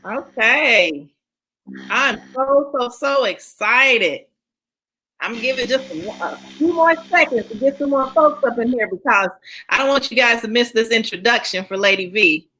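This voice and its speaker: A woman hosting a live podcast stream greets viewers by name, offers upbeat faith-centered encouragement, and reads her guest's bio. Her voice is high-pitched and sharp, and the recording quality is low.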